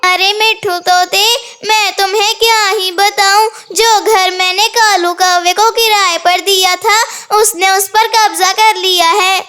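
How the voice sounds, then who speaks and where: Gentle cartoon sparrow girl, voiced by a woman, very high bright voice, slow and plaintive. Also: steady tone, full character voice. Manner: pleading, plaintive. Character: sad young female sparrow, gentle.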